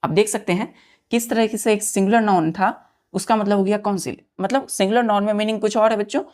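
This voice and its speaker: A woman's voice: medium pitch, steady tone, brisk, darkish tone. A woman teaching an English grammar lesson for exam preparation. She repeats key words, spells them letter by letter, and keeps quizzing her students, whom she calls children. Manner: addresses listeners as children. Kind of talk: online exam-prep lesson.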